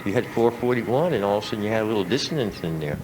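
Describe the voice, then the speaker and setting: Heard on a noisy old radio aircheck, this middle-aged man speaks very fast in a lowish voice with lively intonation. He's a musician guest in a radio studio, telling stories in a relaxed, casual way.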